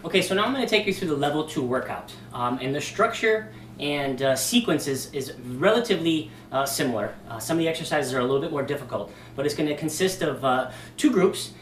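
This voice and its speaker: A man's voice: fairly high pitch, expressive, fairly quick, slight background noise. Slightly breathless male fitness instructor. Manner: casual, demonstrating moves with many ums. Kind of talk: workout demonstration. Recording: echoey room, distant mic.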